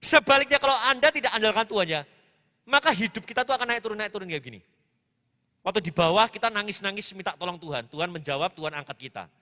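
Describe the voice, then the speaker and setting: A man preaching a sermon in a church, emphatic and repetitive, rising to loud swells between quieter asides. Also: sits high, expressive, fast. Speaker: pastor. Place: church hall. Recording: long hall reverb.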